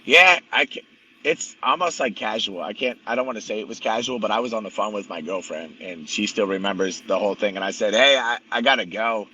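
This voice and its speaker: A man talking loosely as a podcast guest, with a strikingly bright, forceful tone and a fairly low pitch. He tells stories bluntly, swearing freely and circling back on himself. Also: brisk, dull audio, slight background noise. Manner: blunt, profane, rambling storyteller. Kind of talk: casual conversation, storytelling.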